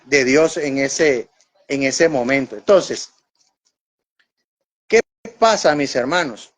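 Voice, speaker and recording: Emphatic man preaching, voice swinging high and low. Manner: emphatic, repeats phrases for stress; pitch swings from high questions to low asides. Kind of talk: Bible teaching sermon.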